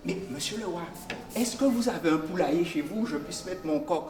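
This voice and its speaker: A man's voice: high-pitched, lively intonation, a little fast, a little mellow, pitched below the performer's own voice. A man voicing a crafty young orphan boy who pleads politely in a told folk tale. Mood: pleading. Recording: echoey hall from far off.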